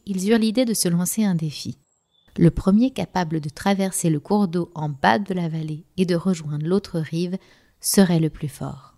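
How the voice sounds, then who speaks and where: A woman narrating a children's story in a gentle, expressive scripted reading. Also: on the low side.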